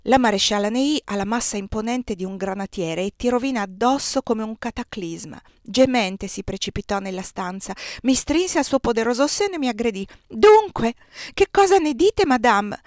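A woman reading a novel aloud in the first person, with an expressive, measured delivery. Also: medium pitch, no echo, clean studio sound. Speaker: audiobook reader. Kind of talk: novel narration read aloud.

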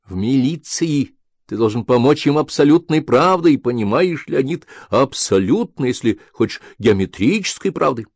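A man reading the part of a calm, lecturing detective in an audiobook. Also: mid-range voice, no echo, studio quality, pitched above the performer's own voice. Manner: measured, lecturing. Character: calm, didactic older male detective.

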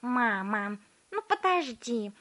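Storybook brat voiced by a woman: shrill, stubborn, hums while chewing, high and slow, a bit off-mic. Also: big pitch swings, a bit bright, full character voice. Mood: bratty, greedy. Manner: shrill, demanding, smacking and humming while chewing. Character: spoiled bratty gum-chewing girl, loud and stubborn.

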